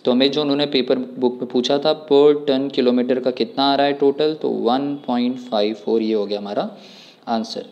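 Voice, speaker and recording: A man teaches an exam problem to students at a steady middle pitch. He works through it step by step and keeps asking his listeners questions along the way. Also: normal speed, muffled recording. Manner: explains step by step, asks rhetorical questions. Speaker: commerce tutor. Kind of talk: exam problem walkthrough lesson.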